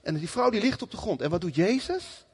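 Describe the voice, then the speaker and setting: A man preaching a sermon in a lively, conversational way, often acting out the people he quotes. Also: sits high, fairly quick, slightly rough, long reverb tail.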